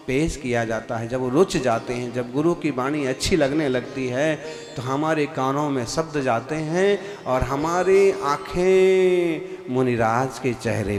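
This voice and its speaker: A man's voice: fairly high pitch, long reverb tail. A man, a Jain monk, giving a sermon to a seated congregation, asking them rhetorical questions and sometimes slipping into a chant. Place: large hall before a seated congregation.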